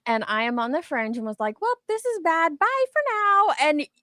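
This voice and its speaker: A woman with a high, very animated and sharp voice co-hosts a casual chat at normal speed. She's blunt and gossipy, swears freely and reads comments out dramatically. The studio-quality audio has no echo.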